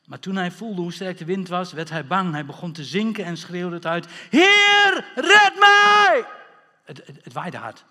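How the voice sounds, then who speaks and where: A man preaching a sermon with a high, bright voice, swinging between quiet asides and loud cries. His words ring out in a church hall with a long reverb tail. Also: moderate pace, few pauses. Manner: animated preaching with rhetorical questions and sudden shouts. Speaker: pastor.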